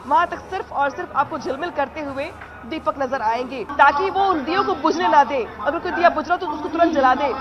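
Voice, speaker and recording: A woman field reporter with a high voice explains the scene at length on a live feed. The sound is dull and muffled, and a busy crowd hums loudly behind her outdoors. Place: outdoors at a crowded riverside event.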